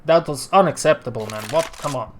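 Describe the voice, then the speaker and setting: A man's voice: on the high side, brisk, slight background noise. A man live-streaming esports match analysis, talking in an exasperated, rambling way with frequent sighs.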